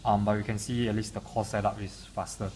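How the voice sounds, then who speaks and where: Talking fast in a lowish, slightly mellow voice with level tone, a software demonstrator explains a product without a script. He's hesitant, stopping and starting, and the room is clearly noisy.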